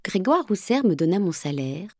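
A woman reading a first-person novel aloud, composed and measured, with a coolly patient tone. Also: fairly low pitch, very animated, dark tone, dry recording, studio quality. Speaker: audiobook narrator.

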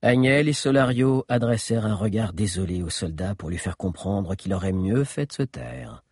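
A man narrating an adventure audiobook in an expressive storytelling manner. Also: fairly low pitch, moderate pace, creaky, slightly rough, no echo, studio quality.

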